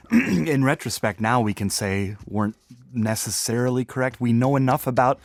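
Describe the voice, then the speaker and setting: A man with an ordinary mid-range voice co-hosts a podcast. He asks curious follow-up questions and is quick to joke. The studio sound is dry and close to the mic. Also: mid-range voice, creaky, no room sound. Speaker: podcast co-host asking questions. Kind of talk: casual podcast conversation.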